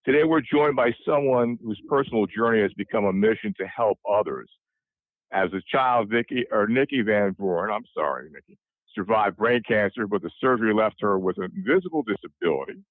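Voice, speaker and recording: A man hosting a podcast interview, warm and halting with many fillers. His voice is low, and it comes through a thin, phone-like line with no room sound. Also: lively intonation, dry recording. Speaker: interview host.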